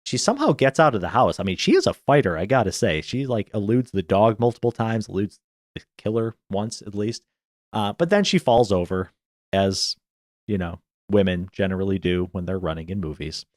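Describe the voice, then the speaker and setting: Animated man recapping a film plot. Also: fairly low pitch, a little fast, dry recording, studio quality. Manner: animated storyteller, laughs often. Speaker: podcast co-host. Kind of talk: casual chat recapping a film.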